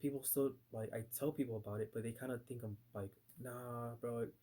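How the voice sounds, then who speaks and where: A man's voice: medium pitch, steady tone, quick pace, mellow. A man telling a personal story in a casual, rambling way, full of fillers and restarts, sometimes acting out his past reactions. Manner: voices his own past reactions in bursts. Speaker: vlogger recounting a nightmare.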